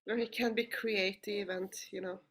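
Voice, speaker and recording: A woman's voice: medium pitch, fairly even intonation, moderate pace, slight background noise, rough recording. A woman co-hosting a casual chat, hesitant and searching for words. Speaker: podcast co-host.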